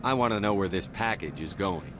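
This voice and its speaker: A man's voice: deep voice, expressive, brisk, noisy background. A man playing a firm, no-nonsense military investigator in a video game, direct and terse. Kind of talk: video game character dialogue.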